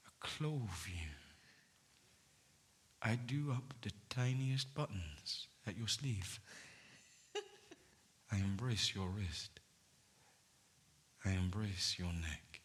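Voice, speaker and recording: An actor playing an ardent male poet on stage, pouring out love in hushed, intimate tones that swell to fervor. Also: on the low side, exaggerated voice. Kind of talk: staged theatre performance.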